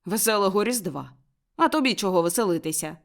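A woman's voice: medium pitch, lively intonation, fairly quick, lightly acted. A woman voicing a grumpy, miserly old man who answers curtly and scornfully, read aloud in a storybook. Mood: grumbling. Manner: gruff, curt and scornful.

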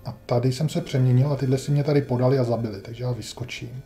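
A man's voice: mid-range voice, steady tone, mellow, faint music behind. A man casually commenting on his own retro game playthrough, wry and grumbling, talking to himself as he plays. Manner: wry, grumbling, talks to himself while playing. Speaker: gameplay commentator. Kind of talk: casual let's-play commentary.

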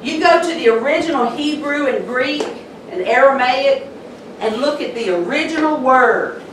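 A woman pastor with a Southern accent preaching a sermon slowly and emphatically. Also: high voice, noisy background. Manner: slow, emphatic preaching with pauses. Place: church sanctuary. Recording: echoey church hall, mic from a distance.

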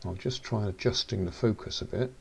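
Male hobbyist presenter, deep register with heavy fry, unscripted and low-key, close throat-microphone sound. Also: a little fast, slight background noise. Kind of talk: casual unscripted narration of a microscope demonstration. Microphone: throat microphone, volume boosted.

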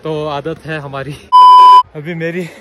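A young man from Pakistan filming a casual travel vlog on a phone held at arm's length, chatting excitably outdoors on a trail and by a waterfall. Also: a little high, slow pace, very noisy. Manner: chatty, excitable, often laughing. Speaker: vlogger.

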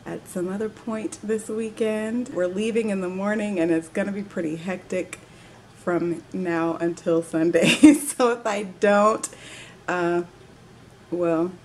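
A woman's voice: mid-range voice, steady tone, a little slow, a little hiss or hum. A young adult woman chatting casually to camera in her living room, bubbly and laughing often between phrases. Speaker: vlogger. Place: living room at home, indoors.

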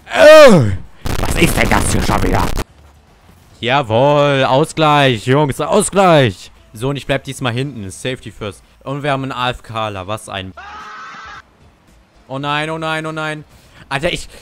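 A man's voice: mid-range voice, normal speed, fairly bright tone, soft background music. A young man giving casual gameplay commentary, cursing and ranting at his teammates. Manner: salty, swears and rants at teammates. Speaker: gamer.

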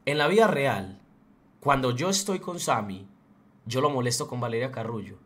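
A man's voice: mid-range voice, lively intonation, moderate pace, a bit bright. A young man from Colombia with a Colombian accent from Antioquia, delivering a blunt, profane, fired-up rant as a streamer. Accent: Colombian Spanish, Antioquia. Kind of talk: heated livestream rant.

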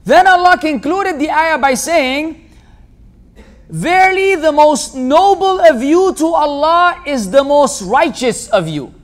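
A Lebanese Islamic lecturer with a strikingly high-pitched voice gives a slow public lecture from a table in a hall, speaking English with an American-sounding accent. Animated, he gestures with both hands and acts out the people he quotes. A small tabletop mic on a tripod picks him up.

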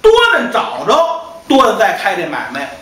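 一名男说书人在扮演一位丢了妻子、悲愤激动的中年东家，说话翻来覆去、时常喊出来。. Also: male voice, high voice, huge pitch swings, moderate pace, heavily acted. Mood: desperate. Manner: agitated, repeating himself, shouting. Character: grief-stricken middle-aged male master. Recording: echoey distant hall, faint noise.

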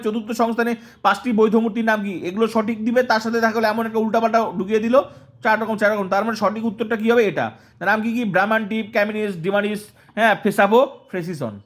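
Man, teacher, high voice, fast talker, exam-prep lesson, asks and answers himself, repeats terms. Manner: asks questions and answers them himself, repeating names to drill them.

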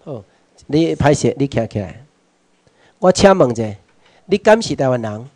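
A man's voice: mid-range voice, very animated, normal speed. Taiwanese man lecturing a hall crowd. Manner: questions the audience directly, mixing in Hokkien phrases; swings between quiet asides and loud urging. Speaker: workshop lecturer. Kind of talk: lecture to a live audience. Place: meeting hall with an audience.

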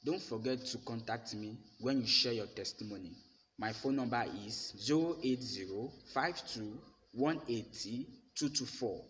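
A young man, a pastor, preaches a sermon to his phone camera, held at arm's length in a bare room with plain walls. His medium-pitched voice is a bit bright, and he speaks slowly and deliberately, making emphatic declarations he repeats. The phone recording has long reverb and faint room noise.

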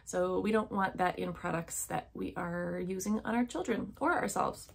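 A woman in her thirties talking straight to camera from a home office, earnestly advising parents with a steady, instructive manner and frequent ums. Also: lowish voice, moderate pace, gravelly, slightly rough. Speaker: health educator. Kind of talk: direct-to-camera educational talk. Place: home office with bookshelves, indoors.

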